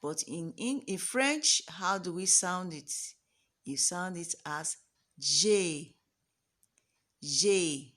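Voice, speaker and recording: A woman teaching the alphabet as a French teacher, speaking in slow, classroom-style steps, stretching and repeating each letter sound and asking the class to say it with her. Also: lowish voice, animated, sharp tone. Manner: drawn-out, emphatic repetition of letter sounds, calls for the class to repeat.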